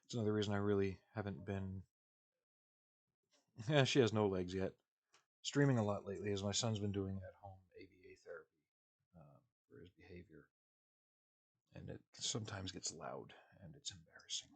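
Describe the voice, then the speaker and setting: Building a model kit at home on a live stream, this man chats loosely with viewers, chuckling and using fillers. His low voice has a breathy edge, moving at a normal speed with long pauses.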